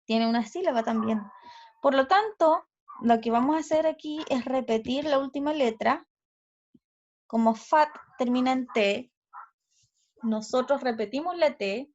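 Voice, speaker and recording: High-voiced Chilean woman teaching grammar. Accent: Chilean Spanish. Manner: slow, careful explanations with checking questions. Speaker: English teacher. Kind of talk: recorded online grammar lesson. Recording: slightly dull lo-fi audio.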